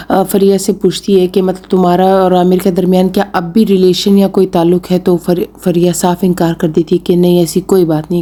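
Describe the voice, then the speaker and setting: A woman's voice: medium pitch, warm tone. A woman casually retelling a drama episode's plot, talking to viewers as friends with frequent fillers. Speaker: episode recap narrator.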